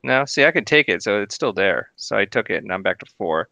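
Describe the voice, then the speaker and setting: A man's voice: fairly low pitch, expressive, brisk, vocal fry, sharp tone. A man playing in a tabletop game, asking hesitant questions. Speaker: player. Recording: dull lo-fi sound.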